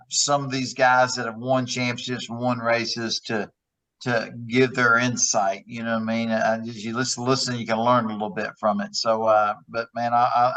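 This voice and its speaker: A man's voice: medium pitch, fairly bright tone, dull audio. Easygoing man full of "you know". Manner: loose, filler-heavy, lots of "you know". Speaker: podcast host, former driver. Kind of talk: casual podcast chat.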